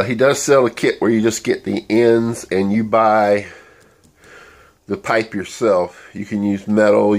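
A DIY channel host, his fairly low, darkish voice stuffy with a cold, rambles through a simple how-to demo into a handheld phone camera in his sewing room.

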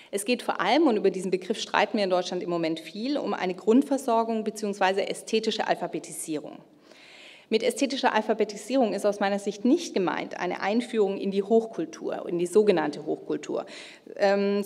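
A middle-aged woman delivers a formal keynote at a lectern on a large auditorium stage, partly reading from notes. Her deliberate delivery has a normal pitch and a darkish tone. A gooseneck lectern microphone picks her up, and the big hall gives the sound an echoey, reverberant quality.

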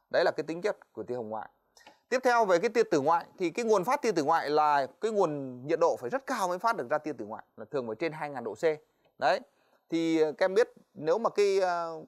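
A man teaching physics in a televised exam-review lesson, talking to students in a chatty way with many fillers and quick checks for understanding. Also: a little high. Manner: quick, chatty, stops often on "đấy" and "ờ"; addresses students directly, asks "right?".

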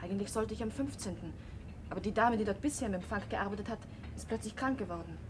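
The innkeeper's daughter, a young adult waitress in a 1960s TV drama, is voiced by an actress with medium pitch, a quick pace, and light acting. She defiantly speaks up against her father, and faint hiss runs through the old TV audio.

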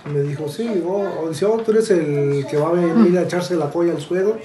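Low-voiced woman telling a story, crowd behind. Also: brisk, echoey room. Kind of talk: casual storytelling.

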